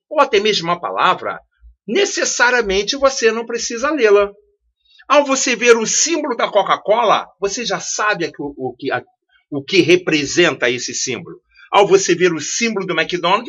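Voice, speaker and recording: A man's voice: sits high, very animated, normal speed, pushed and bright, breathy edge. A man teaching a study lesson, explaining with rhetorical questions and repeating key phrases. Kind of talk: classroom-style video lesson. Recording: dull lo-fi audio.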